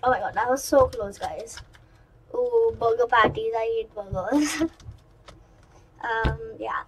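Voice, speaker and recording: High-voiced chatty female gamer. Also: slow pace, slightly rough, poor audio. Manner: chatty and excitable, rambling asides to viewers. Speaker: gaming channel host. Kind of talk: let's-play commentary.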